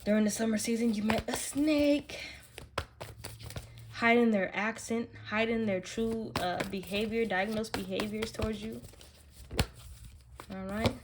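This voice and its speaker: This tarot card reader and channel host has a fairly high, steady voice and speaks unhurriedly, pausing often. She addresses the listener directly in a casual spiritual reading that's emphatic, slangy and profane, against a noisy background.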